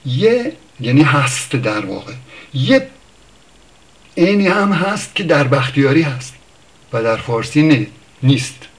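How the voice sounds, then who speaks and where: A man giving an informal spoken lesson on word origins. He thinks aloud, pauses often, corrects himself, and lifts his voice for examples. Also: medium pitch, sing-song. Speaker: language teacher.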